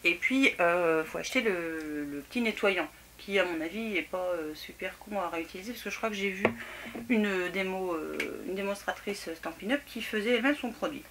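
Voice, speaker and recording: A middle-aged woman, a craft vlogger, chats casually to camera about a craft haul from a home room near a table. Her voice is lowish and moderately paced, full of little hesitations, fillers and self-mocking laughter. The background is noisy.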